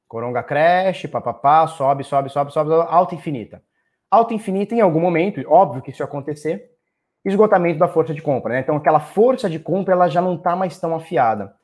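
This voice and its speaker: A man's voice: fairly high pitch, a little mellow. A Brazilian man hosting a casual live stream, chatting with viewers, quizzing them and throwing in playful sound words as he goes. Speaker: crypto market live-stream host.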